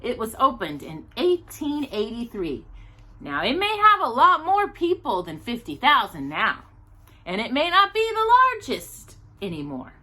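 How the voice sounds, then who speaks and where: Her fairly high voice swoops wildly in pitch and has a sharp tone as she reads unhurriedly. She is a Texan storytime host in the United States sharing a nonfiction children's book, chatting informally on the side and stumbling over longer words.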